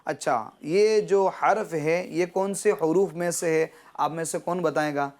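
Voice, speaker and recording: A man teaching children Quran pronunciation, patiently checking understanding and drawing out syllables slowly when he models them. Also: a little high, darkish tone. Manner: patient, repeats "theek hai?" to check understanding. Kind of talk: children's Quran recitation lesson.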